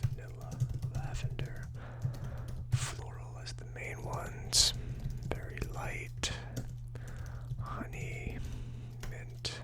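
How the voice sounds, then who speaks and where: Typing as they go, a tasting-video host whispers their notes word by word. The sound is unvoiced, breathy ASMR, slow and casually murmured.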